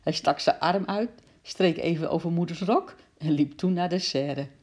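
A woman reading a children's book aloud in a steady, warm storytelling manner. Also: on the low side, normal speed, slightly rough.

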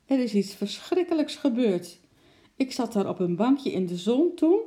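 A woman voicing a flustered middle-aged lady who has lost her bag, exclaiming in a high, loud voice. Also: very animated, moderate pace. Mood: upset. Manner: shrill and exclaiming.

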